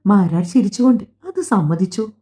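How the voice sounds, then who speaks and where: A woman narrating a family drama audiobook in a calm, steady storytelling manner. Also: medium pitch, normal speed, breathy edge. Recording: dull lo-fi recording.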